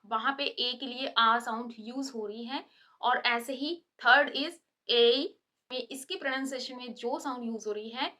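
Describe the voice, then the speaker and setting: Bright-voiced woman teaching letter sounds. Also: fairly high pitch. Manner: slow, stretched demonstration of letter sounds. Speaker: English teacher. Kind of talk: Hindi-English lesson explanation.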